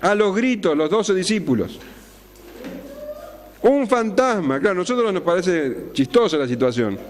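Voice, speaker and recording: A man preaching an expository sermon, slowing down and dropping low on key words for drama. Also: expressive, a little hiss or hum. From Argentina. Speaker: pastor. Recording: long hall reverb.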